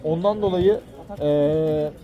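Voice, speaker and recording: A man giving excited, exclamatory live football commentary, often repeating phrases and players' names. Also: slow pace, dull audio. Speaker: match commentator. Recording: loud crowd behind, outdoor match. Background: cheering crowd at an outdoor pitch.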